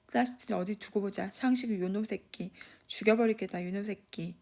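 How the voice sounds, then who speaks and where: A woman's voice: mid-range voice, a little fast, vocal fry, darkish tone, natural voice. A woman doing a sulky young village boy. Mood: furious. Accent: Gyeongsang dialect. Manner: sulky, resentful.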